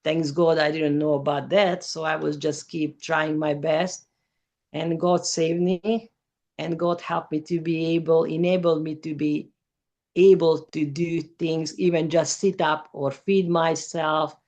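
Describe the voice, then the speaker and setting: Speaking English as an interview guest, a Hungarian-native woman from former Yugoslavia shares personal testimony in careful, simple sentences. Her low voice is a little mellow, a little slow, and flat in delivery.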